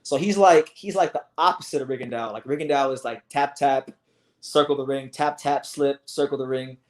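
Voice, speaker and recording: A young man from South Florida hosting a casual livestream, talking in an animated way with lots of restarts and swearing. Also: mid-range voice, moderate pace. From South Florida, USA. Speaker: livestream host. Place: home, sitting on a beanbag chair.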